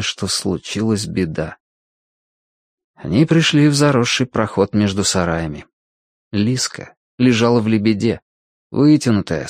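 A man narrating a story aloud in a steady, quiet storytelling manner. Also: lowish voice, no room sound, studio quality. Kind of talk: audiobook narration.

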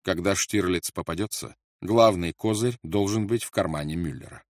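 A man narrating an audiobook in a measured, grave manner. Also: sits low, dry recording, clean studio sound.

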